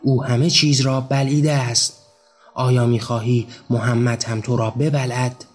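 A man's voice: mid-range voice, level tone, a little mellow, husky, faint music behind, close to an everyday voice. A man voicing a bitter young male laborer, barking harsh commands and insults.

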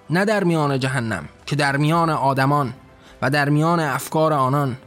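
A man's voice: a little high, lightly acted. Man voicing a furious thundering god. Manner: thundering, commanding shouts. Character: wrathful almighty male god on a throne.

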